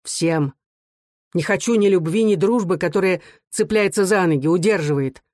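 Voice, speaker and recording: A narrator voicing a proud young working-class son in a low, muttering voice. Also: normal speed, a little mellow, no echo, clean studio sound, natural voice. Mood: defiant. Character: young male revolutionary son, proud then remorseful. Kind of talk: audiobook character reading.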